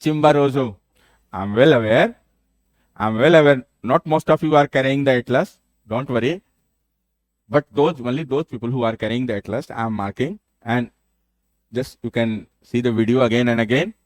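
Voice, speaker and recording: A man's voice: medium pitch, very slow, no room sound. A male geography teacher lecturing a classroom, switching between Hindi and English and repeating key names for students.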